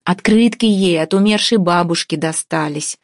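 A woman with a lowish, natural voice reads an audiobook at normal speed in a dry, studio-quality recording. She voices a brash, feisty young gingerbread seller, a pushy, sarcastic woman who argues with everyone, in a wheedling mood.

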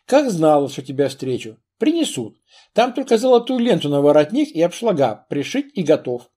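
A man's voice: fairly high pitch, sing-song, normal speed, dark tone. A male audiobook reader voicing a young, affectionate and jealous lady-in-waiting who chatters and coaxes. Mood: chattering. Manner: coaxing, chattering. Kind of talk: audiobook character reading.

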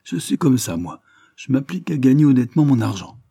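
A man's voice: medium pitch, sing-song, a little fast, vocal fry, dark tone, no echo, clean studio sound, voice pushed up. A man voicing a sly, surly rustic caretaker who talks in a sour, defensive way.

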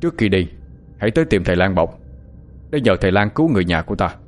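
A man's voice: low voice, very animated, fast talker. A grave old-style mandarin father. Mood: urgent. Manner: solemn, urgent instructions. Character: grave middle-aged male mandarin father. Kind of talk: audiobook character acting.

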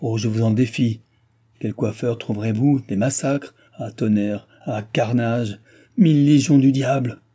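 A man's voice: on the low side, normal speed, dark tone, husky. A man reading aloud as a hot-tempered noble viscount who rages and curses, in a storybook reading. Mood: furious. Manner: raging, cursing.

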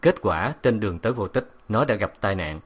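A stern middle-aged father speaks with hurt urgency in a husky, breathy voice, as a male reader plays him. His tone stays grave and earnest, read from a storybook. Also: fairly low pitch, expressive, a little fast.

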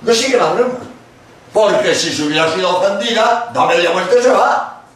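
Lively Spanish man preaching in an echoey hall. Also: sits high, far from the mic. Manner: emphatic, with dramatic pauses and acted-out quotes. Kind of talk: sermon-style lecture.

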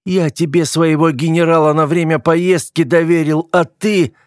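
Raised-pitch shouty brother, crude and furious, put on by a male reader. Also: normal speed, dry recording, clean studio sound, lightly acted. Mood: bitter angry. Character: angry young man, hot-tempered brother.

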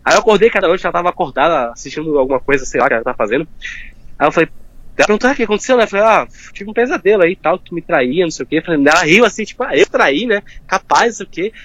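A man's voice: high voice, expressive, fairly bright tone, dry recording. A man, a guest talking candidly and informally, packing his speech with fillers. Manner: fast, informal, full of fillers like "cara". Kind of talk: candid personal conversation.

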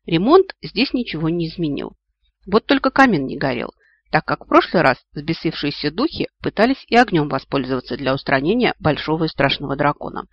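A man's voice: a little high, dry recording. A man reading a first-person fantasy audiobook with wry, ironic asides. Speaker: audiobook narrator. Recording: dull lo-fi, dry.

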